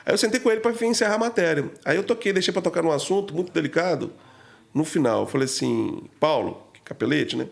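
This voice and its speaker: A man's voice: fairly high pitch, expressive, fast, gravelly. A man talking as a podcast guest, telling an emotional story in a slangy, casual way full of fillers.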